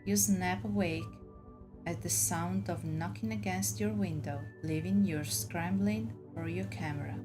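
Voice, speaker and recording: A woman's voice: fairly low pitch, unhurried. A woman reading story game narration aloud in a dramatic storybook way, occasionally stumbling on words. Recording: music bed under the voice. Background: clear background music.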